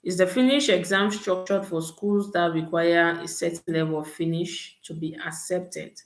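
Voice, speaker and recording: A lowish, fairly even voice at a moderate pace belongs to a young woman from Cameroon. She hosts a live Q&A chat answering study-abroad questions, frequently checking with "okay" and "all right," in a roomy, echoing space.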